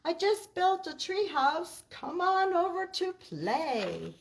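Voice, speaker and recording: A woman's voice: very high-pitched, big pitch swings, slow pace, gravelly, slight background noise, voice pushed up, full character voice. A woman voicing a friendly, easygoing male cat in a picture book, with upbeat, simple, eager lines. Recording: roomy echo, distant mic.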